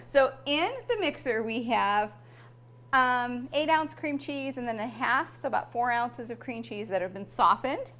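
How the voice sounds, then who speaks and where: A woman's voice: a little high, unhurried, fairly bright tone, a little hiss or hum. A middle-aged woman hosting a home cooking show with her family, chatting, explaining steps and laughing often. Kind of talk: casual cooking demo with family.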